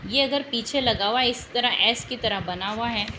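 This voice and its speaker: A woman's voice: a little high, normal speed, background noise. A woman teacher giving an exam-prep language lesson, patiently repeating example words and checking in with her students.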